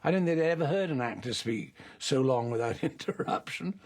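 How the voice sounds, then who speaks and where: A man's voice: medium pitch, sing-song, brisk, a little mellow. An older man, an actor interviewed about his past work, telling anecdotes in a reflective way. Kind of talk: reminiscing interview.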